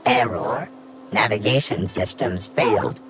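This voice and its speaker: A man voicing a calm, malfunctioning male machine in a video game, making flat, clipped automated announcements. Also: lowish voice, measured pace, close to an everyday voice, poor audio. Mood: monotone.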